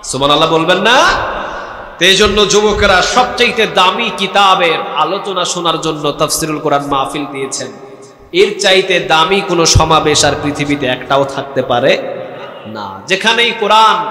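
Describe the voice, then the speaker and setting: Fervent male preacher, bright, echoing hall. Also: high-pitched. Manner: fervent, calls out to the crowd for responses. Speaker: Islamic preacher. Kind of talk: Bengali waz sermon at an outdoor gathering. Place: large outdoor religious gathering. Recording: echoey PA sound with long reverb.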